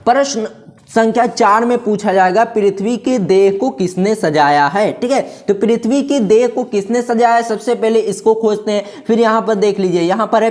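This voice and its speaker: A man's voice: sits high, darkish tone. Man teaching an exam-prep lesson. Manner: explains step by step, repeats "ठीक है" and "देखिए", addresses students as friends.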